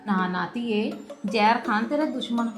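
Over music, a woman with a natural, slightly high voice speaks at a moderate pace in a web drama. She plays a worried, resentful middle-aged mother who complains and schemes against her daughter-in-law, her tone grumbling and conspiratorial.

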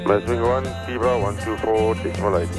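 A man's voice: on the low side, fairly even intonation, loud music behind the voice. A man working as an air traffic controller, giving clipped instructions over a cockpit radio transmission. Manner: brisk, routine instructions.

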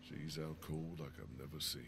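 An actor playing a steady grown man protecting a young girl in a video game, earnest and able to turn furious. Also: extremely low pitch, moderate pace, creaky, very noisy. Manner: earnest, turns to furious threats.

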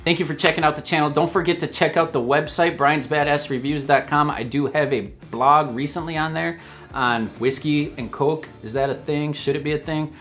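A man's voice: a little high, steady tone, moderate pace, a bit bright. A man hosting a casual whiskey tasting vlog at home, chatty and upbeat, talking straight to his viewers. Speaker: host of a whiskey review channel.

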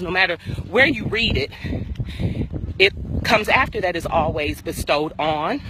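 A middle-aged American woman delivers an impromptu sermon as she walks for exercise. Her voice is bright and forceful, breaking into short, emphatic, repeated phrases. It is recorded outdoors on a phone held at arm's length, with faint noise around her. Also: on the low side. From Michigan, United States. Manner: emphatic, speaking in short phrases while walking for exercise, with repetition. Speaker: preacher. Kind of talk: impromptu devotional sermon to camera. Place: outdoors on a grassy, tree-lined path.

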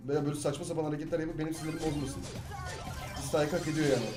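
An excitable young man from Turkey talking over a match he is playing, flipping between loud yelps and muttered grumbles. His voice sits in a middle pitch and sounds a little roomy, with game music playing underneath. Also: rapid-fire. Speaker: gaming YouTuber. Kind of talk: live gameplay commentary. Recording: echoey room with game music.

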